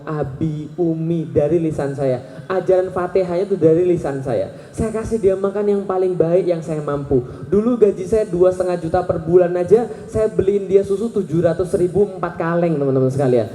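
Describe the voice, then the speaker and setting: A man in his thirties giving a lively religious talk to a live audience, questioning the crowd and joking. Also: high-pitched. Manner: animated, asks the crowd questions and jokes. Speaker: Islamic preacher. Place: large hall with an audience. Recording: echoey hall recording.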